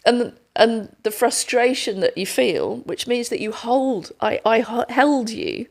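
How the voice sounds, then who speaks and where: A woman's voice: fairly high pitch, measured pace, gravelly, darkish tone. A middle-aged woman, hosting a podcast in casual conversation, telling stories tenderly and acting out what people say. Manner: tender, storytelling, acts out quotes. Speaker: podcast host.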